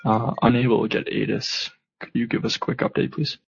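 Very gravelly male pilot on air traffic radio. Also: fairly even intonation, fairly quick, soft background music. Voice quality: gravelly, husky. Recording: muffled low-fidelity radio audio.

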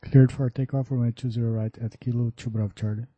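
A man's voice: mid-range voice, steady tone, fast, dark tone, slightly rough, dry recording. A man talking as a pilot over a cockpit headset radio, giving clipped, procedural readbacks. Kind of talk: aviation radio calls. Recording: muffled lo-fi radio audio.

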